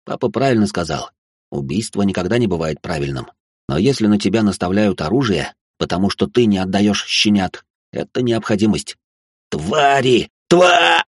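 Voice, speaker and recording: Husky low-voiced male storyteller. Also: expressive, a little mellow, no room sound, clean studio sound. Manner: dramatic, with quick aside remarks. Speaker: narrator. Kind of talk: first-person story narration.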